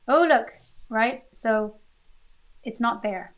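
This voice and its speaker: Woman, live-coding host, casual chat, thinking aloud, slightly high voice. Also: takes it slowly. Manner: thinking aloud, lively, chatty, with frequent fillers and restarts.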